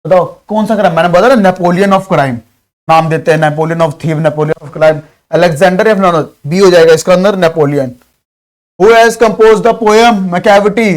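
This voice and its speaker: High-voiced Bihari teacher, drilling quiz questions. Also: male voice. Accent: Bihari Hindi. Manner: reads questions slowly, explains in fast chatty Hindi. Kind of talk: exam-prep lesson.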